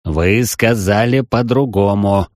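A cold, imperious man with a very low voice presses his questions slowly and curtly, voiced by a woman narrating a story. He sounds suspicious and commanding, each word clipped. The sound is dry and close. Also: darkish tone, dry recording. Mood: stern, probing. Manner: slow, clipped, interrogating. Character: stern, imperious male gem tycoon, cold and suspicious.

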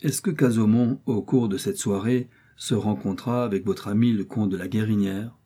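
A man voicing a blunt, loyal male army captain who speaks in a forthright, brisk way. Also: fairly low pitch, steady tone, dark tone, husky.

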